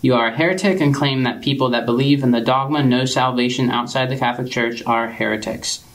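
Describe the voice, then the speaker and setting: A male host with a mid-pitched voice and a heavy creak of vocal fry. He presents a religious discussion show, addressing his guest and reading viewer mail aloud. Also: fairly quick, a bit bright.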